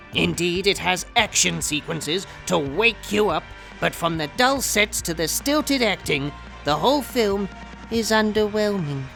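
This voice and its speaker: Host voice: a woman delivering a blunt, crude comedy review, bright and animated. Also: lowish voice, creaky. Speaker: film reviewer.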